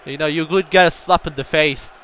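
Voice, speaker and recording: A young man commentating his own gameplay, telling a story and bursting into excited shouts at the game. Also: on the high side, fairly quick, smooth. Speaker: gaming YouTuber.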